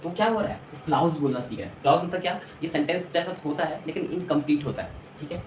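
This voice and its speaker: Speaking quickly in a voice on the high side, a man runs an English class as a lecture, explaining step by step and often asking whether his students follow. The echoey room carries slight background noise.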